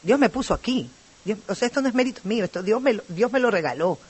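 A woman's voice: medium pitch, animated, fast talker, darkish tone, breathy edge. A woman from Ecuador with an Ecuadorian accent, giving a talkative, rambling personal testimony at a recovery group meeting. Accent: Ecuadorian Spanish. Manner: talkative and rambling, with many asides.

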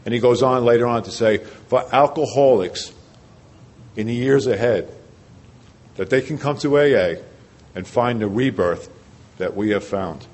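New man at a podium sharing his recovery story, repeating phrases and questioning the room, average pitch. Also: moderate pace, pauses often, darkish tone. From New Jersey. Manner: earnest storytelling with rhetorical questions and repetition. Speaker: recovery speaker. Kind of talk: personal recovery story told to a meeting.

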